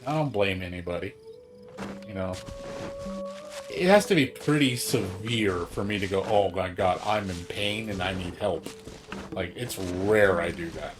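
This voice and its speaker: A man's voice: sits low, a little slow, music in the background. A man streaming a game, ranting casually and profanely, rambling with lots of fillers. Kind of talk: casual chat while gaming.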